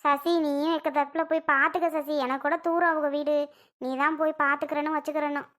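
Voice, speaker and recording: A woman's voice: high-pitched, flat delivery, fairly quick, a bit bright. Woman doing a fretting old village mother. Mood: worried. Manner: fretting, lamenting. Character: older village mother, anxious and doting. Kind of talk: cartoon voice acting.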